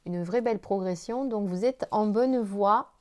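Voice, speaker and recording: A woman giving a casual tarot reading to camera in a gentle, reassuring way, tired and stumbling now and then over her words. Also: medium pitch, a little slow. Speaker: tarot card reader.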